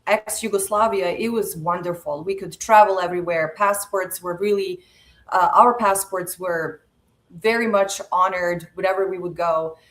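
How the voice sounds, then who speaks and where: A woman in her forties from Serbia, a podcast guest telling her life story in a measured, reflective way with frequent pauses. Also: lowish voice, fairly even intonation, fairly bright tone. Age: 40s. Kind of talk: personal storytelling interview.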